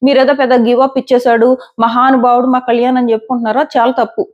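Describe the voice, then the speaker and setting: A woman's voice: fairly high pitch, flat delivery, fast talker, darkish tone, highs cut off. A woman giving casual, emphatic commentary as a show reviewer, arguing her points and repeating them.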